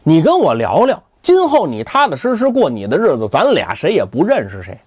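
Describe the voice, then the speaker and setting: A calm, stern older official speaks slowly, with quiet menace, as a male storyteller plays him. His voice drops lower than the narration but stays lively in inflection. The recording is dry and close. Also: husky, dry recording, heavily acted. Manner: slow, measured, quietly threatening.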